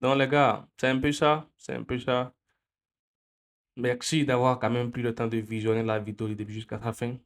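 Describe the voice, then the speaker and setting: A man's voice: mid-range voice, little pitch movement, moderate pace. A man from Benin, giving an impassioned political commentary full of repeated phrases and rhetorical questions. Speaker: video commentator.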